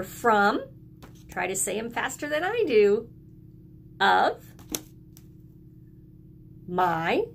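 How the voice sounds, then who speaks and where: An early elementary school teacher speaks in a mid-range, creaky voice over slight background noise. She teaches young children, encouraging them with simple phrases and prompting them to repeat after her.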